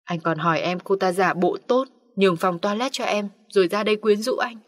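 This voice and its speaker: A woman's voice: medium pitch, steady tone, fairly quick, lightly acted. A woman voicing a scheming young woman who whines and blames others in an audiobook story. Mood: whiny accusing. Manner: whining, blaming.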